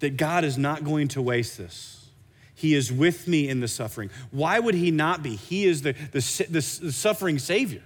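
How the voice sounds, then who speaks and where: A man preaching a sermon as pastor, animated, often stumbling and repeating words as he restarts a thought. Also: a little high, moderate pace, big-room sound.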